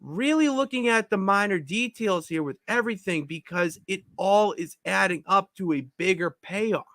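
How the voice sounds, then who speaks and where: Excitable rambling male podcast co-host. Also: sits high, normal speed, no room sound. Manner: excitable, rambling with many restarts. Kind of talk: casual chat. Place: home basement.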